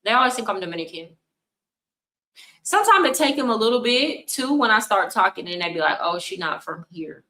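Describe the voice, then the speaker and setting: A woman's voice: mid-range voice, big pitch swings, brisk, sharp tone, roomy sound, rough recording. A young woman, streaming and commenting bluntly on clips in casual talk. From United States. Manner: blunt, scolding, talks over clips.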